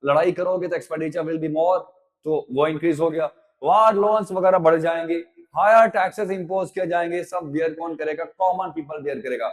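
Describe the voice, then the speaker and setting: A man's voice: on the high side, fairly even intonation, moderate pace. A male teacher giving a history lesson, mixing Hindi and English, calling students 'beta' and asking if they follow. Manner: mixes Hindi and English, calls students 'beta', keeps checking "haan ya na?". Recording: long reverb, echoey room.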